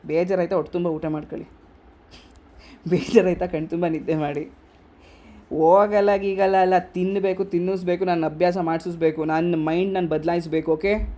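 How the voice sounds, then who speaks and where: A man's voice: high voice, mellow. A young man with a Kannada accent giving a motivational workshop talk, scolding the audience with rhetorical questions. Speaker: workshop speaker.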